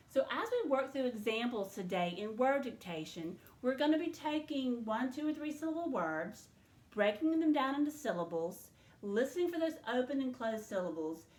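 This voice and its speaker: A woman teacher leading a spelling lesson, slowly and clearly sounding out syllables and letters for her students. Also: mid-range voice, echoey room. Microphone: in front of a whiteboard.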